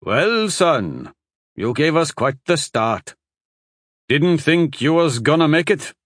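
A man's voice: fairly high pitch, big pitch swings, slow, fairly bright tone, no room sound, studio quality, pitched above the performer's own voice, exaggerated voice. A man voicing a folksy, blunt older husband who speaks plainly and scolds when worried.

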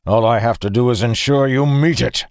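A male narrator, reading a fantasy audiobook in a close, dry space without echo, lifts his low storytelling voice into the snarl of a vengeful rebel leader. He takes it unhurriedly, his darkish tone dripping with venom and harsh bitterness.

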